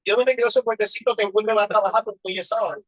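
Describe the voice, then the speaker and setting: A man's voice: high voice, steady tone, racing, no echo, poor audio. A man preaching a personal testimony sermon, telling his story with emotion and asking rhetorical questions.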